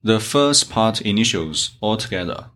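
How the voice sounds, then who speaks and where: A man from China, hosting a language podcast, reading out sounds one by one and enunciating each with long pauses. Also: on the low side, animated, a bit bright. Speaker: language teacher and podcast host. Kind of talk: slow pronunciation drill.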